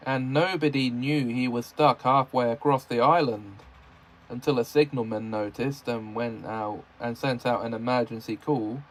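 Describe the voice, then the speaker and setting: A man reading his own storybook-style fan fiction aloud, with steady storytelling narration. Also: medium pitch.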